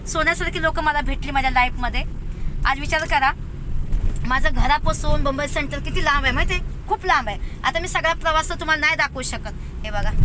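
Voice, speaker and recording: Chatty high-voiced woman vlogging on the road. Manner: chatty, talks to viewers and the friend filming. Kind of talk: casual travel vlog. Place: in a car, then at a bus depot. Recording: noisy phone video from a car and a depot. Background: traffic and street noise.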